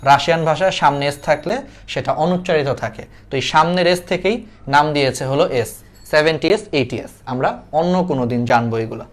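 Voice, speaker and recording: A man's voice: a little high, quick pace. A young man teaching an online biology class in a chatty way, repeating key points and asking them back as quiz questions. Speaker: biology tutor.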